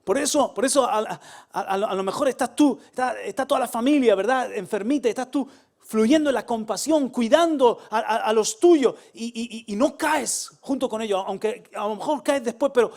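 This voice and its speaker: A middle-aged male pastor with a Spain Spanish accent preaching a sermon, swinging from loud calls to soft asides and laughing at his own stories. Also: very high-pitched, normal speed, creaky.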